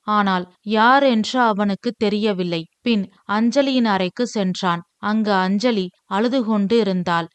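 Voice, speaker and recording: A woman's voice: mid-range voice, smooth, no room sound. A woman with a Tamil accent reading a family novel aloud, speaking every character's lines with little change of voice. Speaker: audiobook narrator. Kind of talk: novel read aloud, voicing all characters.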